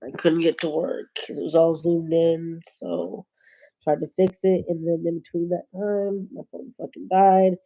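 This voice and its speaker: A woman's voice: lowish voice, little pitch movement, measured pace, vocal fry, highs cut off. A woman hosting a late-night livestream, stuffed up with a cold, talking in a loose, rambling way into her phone. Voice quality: nasal, congested. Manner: rambling, loose, a little stoned. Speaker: livestream host. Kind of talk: casual livestream chat. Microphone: phone or tablet camera.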